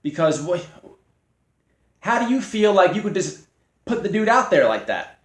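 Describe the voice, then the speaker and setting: Man, taunting call-out rant, halting with fillers, somewhat high voice, roomy echo. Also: big pitch swings. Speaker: channel host. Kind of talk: confrontational response video.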